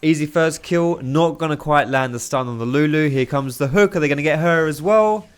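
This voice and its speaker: A video host with a fairly high voice, hoarse and fading from so much talking, gives quick, excitable play-by-play over game footage. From a mic at his home desk, he meets every big moment with loose, slangy enthusiasm.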